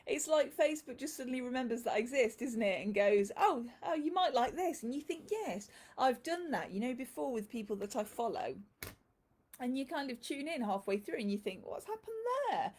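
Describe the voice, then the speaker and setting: A woman's voice: medium pitch, a little mellow. Chatty woman hosting a live stream. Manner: chatty and effusive, greets viewers by name. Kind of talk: casual live-stream chat.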